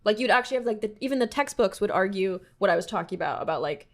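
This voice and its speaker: A young woman in a casual debate chat, talking fast, laughing often and swearing when riled. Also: medium pitch, lively intonation. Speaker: guest debating.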